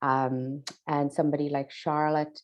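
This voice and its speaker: A woman's voice: sits low, flat delivery, measured pace, muffled recording, noisy background. A woman from a charity chatting casually and enthusiastically, with lots of fillers and restarts. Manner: enthusiastic, effusive, many fillers. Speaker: charity staff member. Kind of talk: casual conversation.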